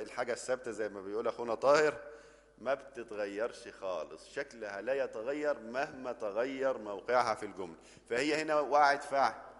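A man's voice: lowish voice, in a large hall. A man with an Egyptian accent teaching an Arabic grammar lesson, explaining step by step and often checking that the class follows.

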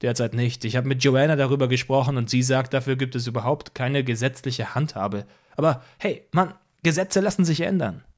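A man's voice: mid-range voice, fairly quick, few pauses, close to an everyday voice. A man voicing a pushy, self-assured male music-business boss in an audiobook. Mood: scheming. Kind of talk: audiobook character voice.

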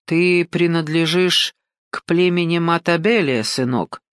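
A woman narrator voices a sly, domineering older man who leans in with slow, coaxing menace, drawing out his words and patronizingly repeating "son." Her voice sits on the low side with a clean tone, lightly acted, in a dry, close-miked audiobook recording with no echo.

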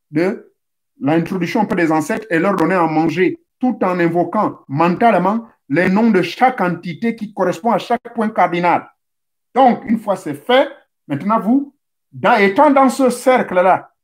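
Male spiritual teacher, high voice, didactic, talks straight to listeners, repeats steps. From Central Africa. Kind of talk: instructional talk.

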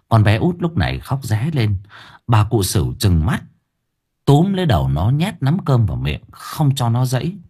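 A man narrating a dark storybook tale in a measured, suspenseful way. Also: medium pitch, husky. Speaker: audiobook narrator.

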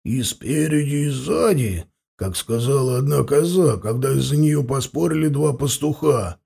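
Gruff dwarf warrior read by a man, gravelly, husky, slow, barking, sardonic, audiobook. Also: medium pitch, mellow. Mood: musing.

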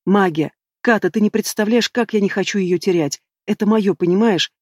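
A man's voice: sits high, moderate pace, darkish tone, dry recording, studio quality. A man reading an audiobook voicing a distraught young woman mage in tears, speaking emotionally. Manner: emotional, pleading.

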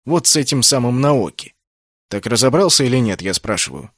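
A man voicing a stern, sardonic middle-aged commander who gives curt, gruff orders. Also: mid-range voice, animated, brisk, a bit bright, no room sound, clean studio sound.

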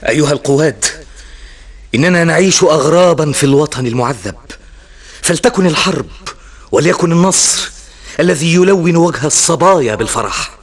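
A man's voice: fairly high pitch, expressive, fairly quick. A defiant young warrior king. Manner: solemn, declamatory, defiant. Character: proud young warrior king rallying his commanders. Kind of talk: classical Arabic radio drama.

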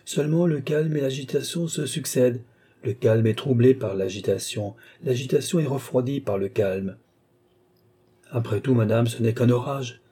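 A man reading the part of a calm, coldly rational young prince, speaking in a measured, explaining way. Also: mid-range voice, breathy edge, close to an everyday voice. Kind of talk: audiobook character reading.

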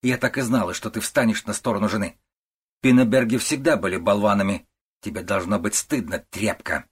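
Male narrator playing a hysterical elderly mother-in-law, shrill, accusing, husky edge. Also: steady tone, brisk. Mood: scornful. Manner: wailing, shrieking, accusing.

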